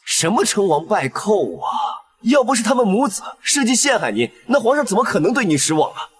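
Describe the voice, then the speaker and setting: Brief: a loyal, chiding steward, husky and lively-pitched. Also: male voice, brisk, exaggerated voice. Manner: fussing, chiding. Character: chatty, loyal male steward.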